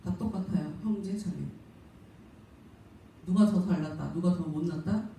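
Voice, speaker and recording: A middle-aged woman pastor gives a Sunday sermon, talking to her people casually and putting on little voices for the quotes. Her tone is mellow and warm. She is heard from a distance in a very echoey church with a faint hum of room noise. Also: lowish voice, moderate pace. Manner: conversational preaching, acts out quoted voices. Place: church sanctuary.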